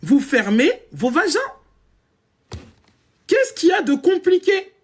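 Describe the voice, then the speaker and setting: Woman with a low voice, blunt and mocking, casual monologue to listeners, mixes in English. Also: sing-song, takes it slowly, darkish tone. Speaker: women's coach.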